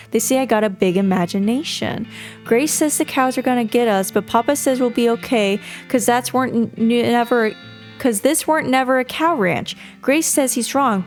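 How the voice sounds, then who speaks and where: A woman's voice: on the high side, natural voice. A woman voicing an uneasy little frontier girl's diary in a game, with a plaintive, childlike, rustic way of talking.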